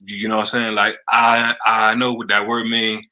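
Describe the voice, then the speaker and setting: A man in his thirties hosting a podcast interview, talking casually and haltingly, often repeating words and saying "you know what I'm saying.". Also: on the low side, level tone, sharp tone, poor audio. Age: 30s. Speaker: podcast host.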